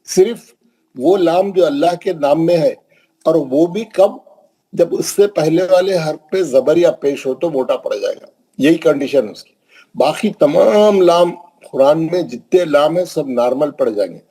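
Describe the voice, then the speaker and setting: A man teaching Quran recitation rules, asking questions and answering them, with slow drawn-out recited examples. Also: a little high, animated, dark tone, husky, low-quality recording. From Hyderabad, India. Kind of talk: classroom tajweed lesson.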